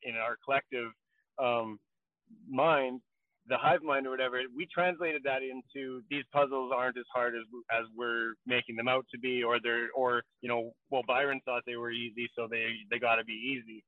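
A man's voice: mid-range voice, fairly even intonation, moderate pace, no echo. A man co-hosting a podcast in casual chat, rambling along with lots of fillers. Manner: rambling, heavy on fillers like "you know". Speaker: podcast co-host. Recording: tinny, dry call audio.

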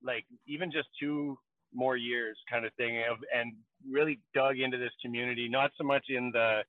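A man's voice: mid-range voice, fairly even intonation, moderate pace, dry recording. A man co-hosting a podcast in casual chat, rambling along with lots of fillers. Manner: rambling, heavy on fillers like "you know". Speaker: podcast co-host. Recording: tinny, dry call audio.

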